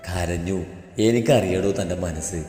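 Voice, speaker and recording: A man voicing a possessive middle-aged husband who talks low and soothing, in a story reading. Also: measured pace, warm tone. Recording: echoey reverberant audio with music.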